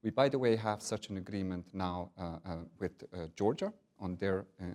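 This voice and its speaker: Guy, deep voice, slow diplomatic answers w lots of uhs. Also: a little mellow. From Hungary. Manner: measured, diplomatic, with frequent filler pauses. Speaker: NATO partnerships director, guest. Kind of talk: interview answers.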